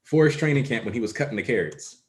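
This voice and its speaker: A man's voice: mid-range voice, lively intonation, quick pace. A man co-hosting a casual chat, talking in a rambling way with many fillers. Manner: rambling, many likes and ums. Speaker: podcast co-host.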